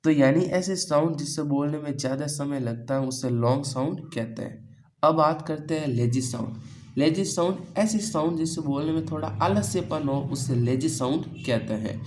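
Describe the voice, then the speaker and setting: A man's voice: on the high side, background noise. A man teaching pronunciation in a coaching-class lesson, asking questions and answering them himself. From India. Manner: repeats key points as questions to students. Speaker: English teacher.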